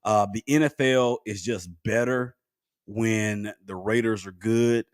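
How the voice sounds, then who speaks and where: Animated man co-hosting a sports podcast. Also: lowish voice, slow, clean tone, dry recording, studio quality. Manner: animated, laughs often, pleading. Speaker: podcast co-host. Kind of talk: casual sports podcast chat.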